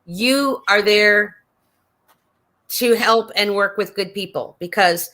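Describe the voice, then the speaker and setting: A woman co-hosts a casual online talk show, affirming and teasing her partner. Her voice is bright and forward. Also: mid-range voice, slow pace. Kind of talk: casual chat.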